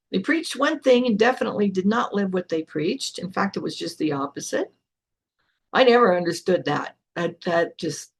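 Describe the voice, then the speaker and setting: A woman's voice: mid-range voice, creaky, husky. An older woman hosting a spiritual podcast, telling her own story in a frank, blunt way with some swearing. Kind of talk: candid personal storytelling.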